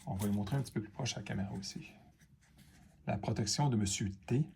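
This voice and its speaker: A man's voice: fairly low pitch, quick pace, gravelly, a little mellow, slight background noise. A man with a Quebec French accent, chatting casually to camera as he opens cards and reacts to each one, rambling with fillers and asides. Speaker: card-opening video host. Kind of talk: casual unboxing chat to camera.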